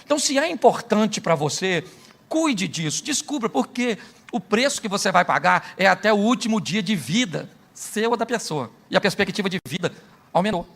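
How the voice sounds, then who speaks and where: High, bright-voiced Brazilian pastor telling stories. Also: male voice, animated, moderate pace, creaky. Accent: Brazilian Portuguese. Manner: storytelling, jokes, acts out dialogue. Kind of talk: humorous sermon.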